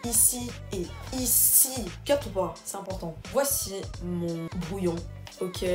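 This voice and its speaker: A young woman talking straight to her viewers in a casual, slangy vlog monologue. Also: on the low side. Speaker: vlogger. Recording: echoey room with music behind.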